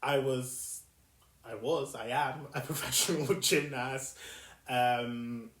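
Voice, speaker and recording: Speaking with a steady, fairly bright medium-pitched voice, a young podcast host from South London, England, delivers a reflective solo monologue in his local accent. Thoughtful and searching for words, he pauses, restarts and uses many fillers, and the room sounds echoey.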